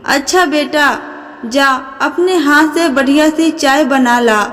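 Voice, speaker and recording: Woman voicing a patronizing mother-in-law, high and slow. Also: a bit bright. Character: controlling mother-in-law, falsely sweet. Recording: long reverb.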